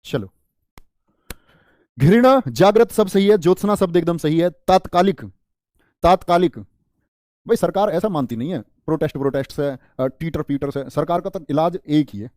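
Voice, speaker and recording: Male teacher, playful and colloquial, slightly higher voice, dark tone, dry sound. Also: normal speed, dry recording. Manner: colloquial, playful, addresses viewers as "mera lal" and "bhaiya". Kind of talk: live online Hindi spelling class.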